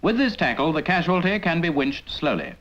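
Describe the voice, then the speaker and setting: On a dull 1950s film soundtrack, a fairly high, fairly bright male voice swings widely in pitch and moves fairly quickly. The British narrator is instructing the trainee head-on in a scripted military training film, teaching didactically through rhetorical questions.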